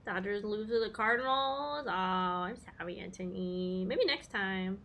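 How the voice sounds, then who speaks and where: Female game streamer: bright, unhurried, chatty, slangy live commentary. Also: medium pitch. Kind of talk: casual livestream commentary.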